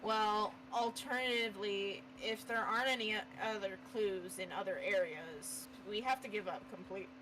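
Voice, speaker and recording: A woman's voice: mid-range voice, moderate pace, hardly any pauses. A woman reading a game character's lines in a casual group session, with teasing asides. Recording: noisy mic audio.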